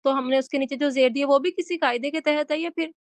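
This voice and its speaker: A woman's voice: high-pitched, fairly even intonation. A woman student in a lesson who asks questions politely and addresses her teacher respectfully.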